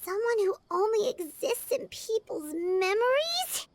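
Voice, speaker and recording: Paimon, a squeaky tiny girl companion. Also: sing-song, a little slow, no room sound, exaggerated voice. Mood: chatty. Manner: chatty, refers to herself in third person. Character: tiny floating girl companion, chirpy and curious. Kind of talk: video game voice acting. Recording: faint game music behind.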